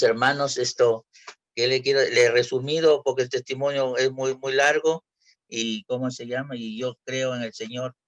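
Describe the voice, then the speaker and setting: A man from Peru, giving an earnest personal testimony in church, halting and full of restarts. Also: medium pitch, a bit bright. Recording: dull lo-fi church recording.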